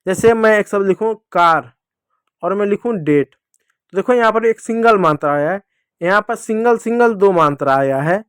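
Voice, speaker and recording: High-voiced man teaching phonics to children. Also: lively intonation, moderate pace, clean tone, dry recording, clean studio sound. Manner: repetitive, asks and answers own questions. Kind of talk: classroom phonics lesson.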